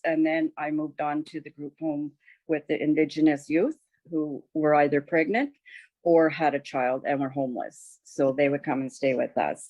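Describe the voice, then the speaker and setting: A woman's voice: low-pitched, darkish tone, no room sound. An older woman from Montreal, chatting casually as an interview guest, rambling with restarts and frequent laughs. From Montreal, Canada. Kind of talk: casual conversation.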